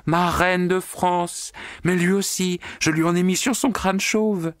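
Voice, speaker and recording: A man voicing a cheeky, gleeful young maid turned witch in a shrill, high, raised voice. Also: steady tone, a little slow, no echo, clean studio sound.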